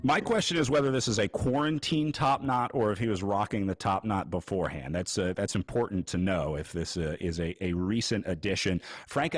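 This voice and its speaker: A man commentating a virtual cycling race, energetic play-by-play that lifts when he hypes riders. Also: deep voice, no room sound.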